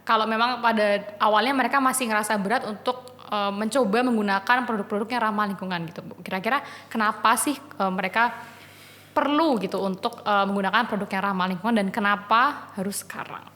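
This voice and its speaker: A young woman hosts a casual interview with a bright, forceful voice, giggling often and humming along as she listens. Her voice trails off into a long room reverb. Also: medium pitch, fairly quick. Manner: giggly, lots of listening hums. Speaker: podcast host.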